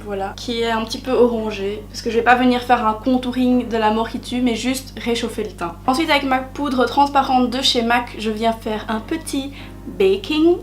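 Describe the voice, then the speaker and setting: A woman's voice: a little high, moderate pace, soft background music. A young woman talking through a makeup tutorial in a chatty way, with many hesitations and self-deprecating asides. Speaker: beauty vlogger.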